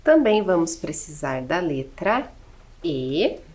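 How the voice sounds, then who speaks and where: A woman's voice: on the low side, very animated, takes it slowly, darkish tone. A woman teacher with a Brazilian Portuguese accent, giving a patient classroom lesson and counting aloud step by step with rhetorical questions.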